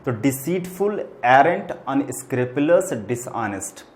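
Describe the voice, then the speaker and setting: A man's voice: mid-range voice, lively intonation, unhurried. A man in a medium voice gives a vocabulary lesson. He talks in a chatty, repetitive way and keeps turning to his students with affectionate asides. He sounds like a teacher at a board. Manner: chatty and repetitive, addresses students as "beta" and "bachche". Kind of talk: explaining English words in Hindi to students.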